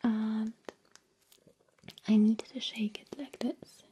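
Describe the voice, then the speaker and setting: A woman, playing a caring and friendly alien abductor, murmurs slow, soothing, coaxing words in a breathy whisper aimed closely at the listener in an ASMR roleplay. The mood is gentle and caring, her pitch fairly high and delivery flat, with slight background noise.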